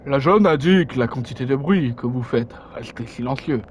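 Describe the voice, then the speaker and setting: A man's voice: mid-range voice, animated, moderate pace, a little hiss or hum. A man playing through a horror game, reading its dialogue aloud and chatting casually with hesitant, filler-heavy asides. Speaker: let's play gamer.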